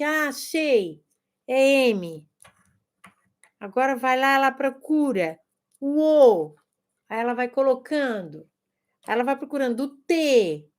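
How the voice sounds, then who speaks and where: High-voiced woman teaching on camera. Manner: demonstrative, shows games to camera and sounds out words. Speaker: teacher and educator. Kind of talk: casual video lesson to teachers. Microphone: camera facing her.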